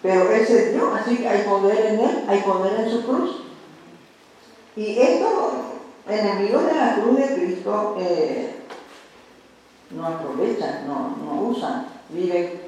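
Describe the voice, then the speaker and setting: A man's voice: sits high, slow pace, darkish tone. A man preaching a sermon to his congregation in an earnest, conversational way, often repeating his words. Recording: very echoey room with faint noise.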